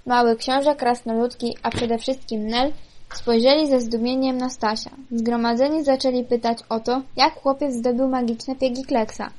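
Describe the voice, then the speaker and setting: A woman reading a children's fairy tale aloud in an unhurried way, now and then stumbling and correcting herself. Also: a little high, steady tone, a little mellow. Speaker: storyteller.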